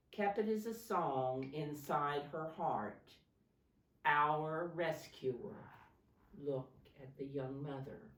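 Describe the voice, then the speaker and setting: Sitting low, a woman reads a picture book aloud to preschoolers in a teacherly, expressive way, speaking directly to the young listeners. She goes slowly and deliberately, pausing to ask them questions, and the distant microphone picks up a roomy echo.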